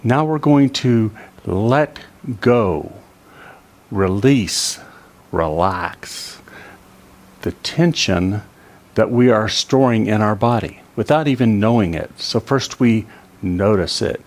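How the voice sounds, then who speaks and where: Male qigong instructor, low voice, very slow soothing guided body scan. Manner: slow, calm, soothing guidance with long pauses. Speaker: tai chi and qigong instructor.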